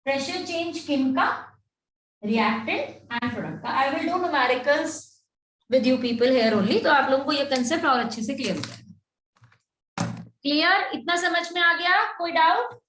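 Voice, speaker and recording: A woman with a high voice teaches chemistry in a lecture style, switching between Hindi and English and often asking whether her students follow. She is recorded from some distance in an echoey room. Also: animated, unhurried, background noise. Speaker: chemistry tutor. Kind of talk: classroom lecture.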